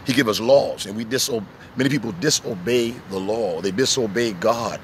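A man preaching casually outdoors as a street preacher, telling animated stories and acting out little voices. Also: on the low side, normal speed, a little hiss or hum. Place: outdoors in the sun.

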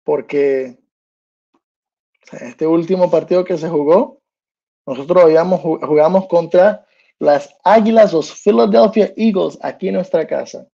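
At a measured pace, a New Jersey man in his thirties hosts his solo sports podcast in a loose, chatty style, slipping in English slang. His voice is on the high side, creaky, mellow, and husky. Dull audio, recorded in a small indoor room.

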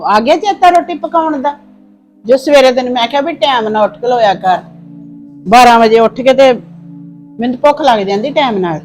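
A woman's voice: on the high side, animated, brisk, long pauses, soft background music, lightly acted, low-quality recording. An older woman playing a grumbling mother-in-law who nags her daughter-in-law about being late. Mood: nagging. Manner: nagging and sharp-tongued.

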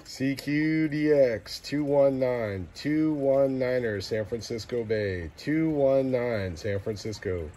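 A man's voice: mid-range voice, takes it slowly, few pauses. A man making repeated, clipped CB radio calls, sounding like mistuned single-sideband ham radio. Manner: clipped call signs and place names. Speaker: CB radio operator. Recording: very noisy CB radio with static.

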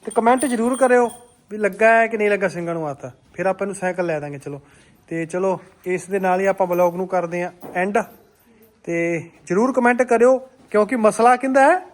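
A woman's voice: medium pitch, a little fast. A woman vlogger chatting casually, coaxing and repeating herself and laughing often. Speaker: family vlogger. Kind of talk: casual family vlog chat.

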